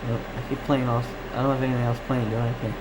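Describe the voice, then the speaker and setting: The recording is very noisy as this Canadian man, a radio hobbyist hosting a casual stream, fires off words rapidly in a flat, medium-pitched voice. He reads viewer comments, answers them, and thinks out loud in a scattered way.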